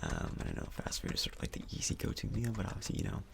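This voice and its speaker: This ASMR doctor role-play features a man speaking softly, nearly whispering, up close to the mic in a relaxed, tentative, comforting way. His low, gravelly voice races along while its pitch swoops wildly.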